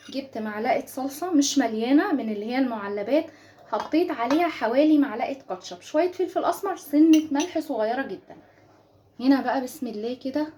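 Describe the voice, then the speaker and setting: A quick, chatty woman with an Egyptian accent walks viewers through a recipe in her home kitchen. Her voice sits a little high, and she coaxes along as she works, with faint room sound behind her. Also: slight background noise. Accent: Egyptian Arabic. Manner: chatty and warmly coaxing, addresses viewers as ladies. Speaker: home cooking channel host. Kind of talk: casual cooking tutorial.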